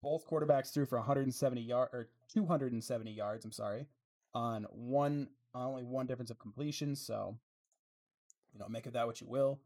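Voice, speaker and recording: A man's voice: medium pitch, fairly quick, darkish tone. A man co-hosting a casual sports podcast, giving firm opinions as he runs through player lists. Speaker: podcast co-host.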